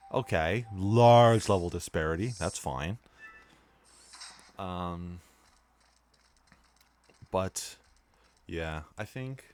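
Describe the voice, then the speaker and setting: A young man rambling casually with lots of fillers while commenting on his gameplay as a let's play host. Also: sits low. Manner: rambling, laid-back, many fillers.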